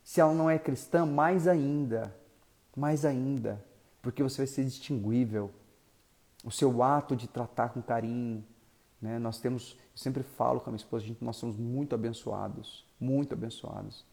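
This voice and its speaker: A man preaching, his voice gravelly and mellow. He tells the story lively, rising loud and then dropping soft to drive his point home. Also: medium pitch, moderate pace. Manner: animated, swings from loud to soft. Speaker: pastor. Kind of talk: storytelling sermon.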